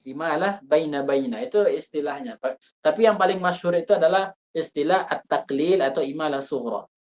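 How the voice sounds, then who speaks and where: A man's voice: a little high, fairly quick. Man teaching Quran recitation, casual. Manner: informal, thinks aloud with fillers, demonstrates vowel sounds. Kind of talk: explaining recitation rules in a class.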